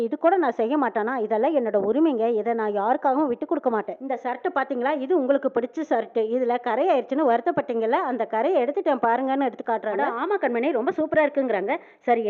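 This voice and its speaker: Woman, casual serial recap, quotes dialogue with speaker tags, tinny phone-like audio. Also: high voice. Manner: recounts dialogue quickly, quoting each character with tags. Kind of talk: casual retelling of a TV serial episode.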